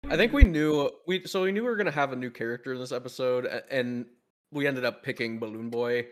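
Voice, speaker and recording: A man's voice: medium pitch, fast talker. A man hosting a casual group Q&A over a call, rambling with restarts and frequent laughs. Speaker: animation studio team member hosting Q&A.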